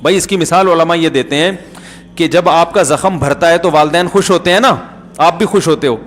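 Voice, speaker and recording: Middle-aged Pakistani Urdu-accented male preacher, anecdotal and jokey, fairly high voice, long hall reverb. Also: faint music behind. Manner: jokey storytelling, acts out dialogue. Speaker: Islamic preacher. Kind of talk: conversational sermon with anecdotes.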